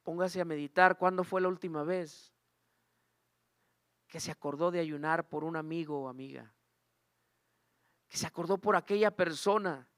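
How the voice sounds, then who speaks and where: Man, preacher, high voice, earnest sermon testimony, dry close sound. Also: no room sound. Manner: earnest storytelling, addresses church as brothers and sisters.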